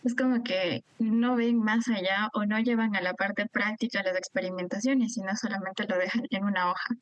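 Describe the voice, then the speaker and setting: A woman's voice: medium pitch, steady tone, normal speed, no room sound, lo-fi sound. A woman hosting a podcast, friendly and encouraging, laughing along with her guests. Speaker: podcast host. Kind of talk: casual podcast chat.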